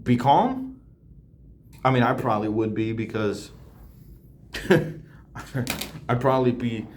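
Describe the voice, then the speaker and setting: A man's voice: on the low side, slight background noise. A young man reading a classic novel aloud on camera and breaking off for slangy, joking asides, often laughing. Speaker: channel host.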